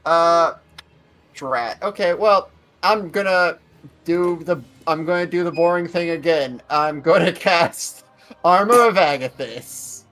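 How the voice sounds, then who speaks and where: A man's voice: a little high, slow, a bit bright. A man chatting casually as a player in a tabletop game. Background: faint music.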